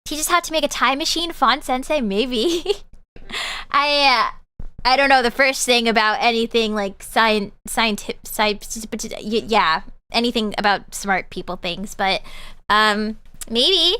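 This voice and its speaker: A young VTuber streamer winds down her live stream with casual, bubbly chat, rambling and using lots of fillers. Her voice is on the high side, a little slow, sharp and clear with a resonant tone, in a dry recording.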